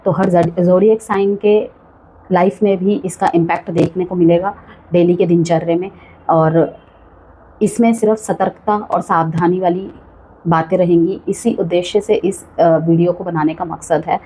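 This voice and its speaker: A woman's voice: on the low side, steady tone, normal speed, dark tone, a little hiss or hum, rough recording. A woman giving a chatty monthly tarot horoscope reading, full of warnings and frequent check-ins with the listener. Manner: chatty, cautionary, repeats "ठीक है" often. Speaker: tarot reader.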